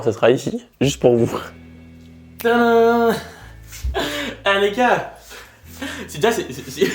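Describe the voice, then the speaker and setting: A young man chatting casually on his vlog, slangy and animated, laughing often. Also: mid-range voice. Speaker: vlogger.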